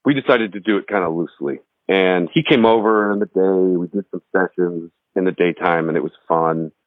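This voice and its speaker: Speaking fairly quickly in a low voice, a man from Texas casually remembers a ghost story set at his home in the woods. He's a musician and homeowner, and his telling rambles with restarts. The audio is dry with a thin, phone-like quality.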